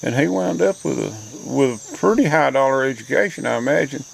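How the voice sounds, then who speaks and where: A man's voice: medium pitch, lively intonation, a little fast, creaky, poor audio. An older man with an Appalachian accent, rambling reflectively in a folksy, plainspoken mountain dialect. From Appalachian mountains, southern US. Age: older, grandparent. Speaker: host. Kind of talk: rambling, reflective front-porch monologue. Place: outdoors, rural porch. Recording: outdoor insect and nature noise.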